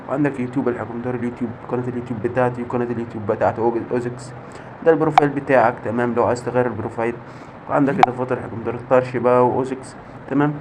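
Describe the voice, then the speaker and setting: A man's voice: mid-range voice, noisy background. A man with an Egyptian Arabic accent walking viewers through a modded app, boastful and repeating his catchphrases. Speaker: YouTuber showing off a modded app. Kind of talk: hyped screen walkthrough.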